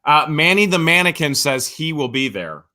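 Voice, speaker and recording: A playful man co-hosting a casual live stream, his voice bright and forceful and sitting a little high for a man. He jokes freely and reads out viewer guesses with easy banter. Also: big pitch swings, moderate pace.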